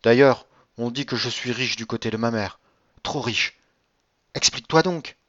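A tender young woman pleads in a raised, higher voice, earnest and close to tears, as a male reader puts her on. The sound is dry and a little dull. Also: moderate pace, fairly bright tone, no echo, natural voice. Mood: pleading.

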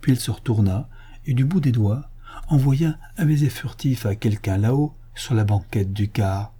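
A man's voice: medium pitch, moderate pace, warm tone, husky. A man reading a short story aloud as narrator, with a wry storytelling manner. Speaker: audiobook reader. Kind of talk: scripted narration.

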